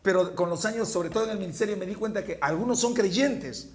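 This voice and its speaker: A male pastor preaching a fervent sermon, moving from hushed storytelling to shouted points and often repeating words. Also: high-pitched, a little fast. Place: church.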